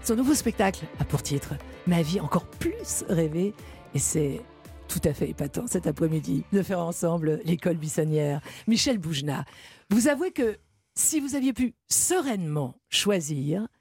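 A woman's voice: lowish voice, lively intonation, moderate pace, a little mellow, faint music behind. A woman hosting a radio interview, asking long, elaborate questions with occasional hesitations.

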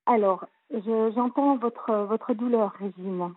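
A woman's voice: on the high side, slow, no room sound. A woman in her fifties calling a radio advice show, earnest and hesitant, her voice sounding hollow as if talking through a tube on a tinny phone line. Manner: earnest, hesitant, many fillers. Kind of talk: call-in advice talk.

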